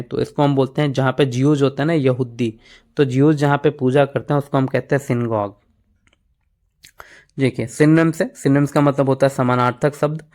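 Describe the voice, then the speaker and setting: Mixing Hindi and English, a male teacher explains vocabulary for an exam-prep lesson, offering memory tricks and a frequent "ठीक है". He has a medium-pitched, slightly mellow voice.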